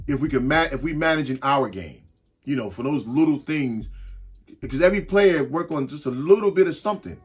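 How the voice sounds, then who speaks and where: A man's voice: fairly high pitch, animated, a little fast, husky. A man co-hosting a casual sports podcast, talking loosely with frequent restarts and slang. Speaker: podcast co-host.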